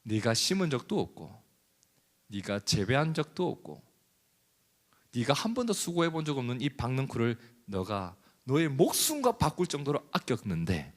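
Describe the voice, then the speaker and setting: A man's voice: medium pitch, sing-song, normal speed. A man voicing God, earnest and pleading. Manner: earnest, rising appeal. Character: patient pleading God, speaking to a stubborn prophet.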